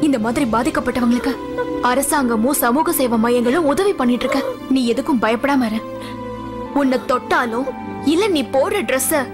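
A woman's voice: sits high, natural voice. A woman dubbing a caring friend in a film, speaking firmly and reassuringly over a film score. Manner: firm, reassuring.

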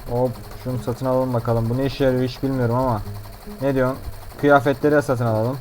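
A man giving excitable, brash and jokey commentary on his own gameplay as a gaming YouTuber. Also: mid-range voice, fast, a little hiss or hum.

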